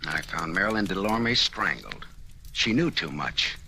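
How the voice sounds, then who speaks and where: An actor playing a sardonic, slangy, tough private detective in an old-time radio drama. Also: male voice, deep voice, sing-song, unhurried, gravelly, pushed and bright, husky, full character voice. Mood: accusing, sardonic. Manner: sardonic, slangy, hard-boiled delivery. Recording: noisy vintage radio recording.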